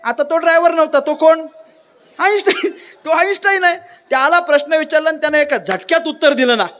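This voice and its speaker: A man from Maharashtra preaching a devotional sermon, telling a story with lively asides and rhetorical questions to the crowd. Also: extremely high pitch, quick pace. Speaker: kirtan preacher. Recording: long reverb of a large hall.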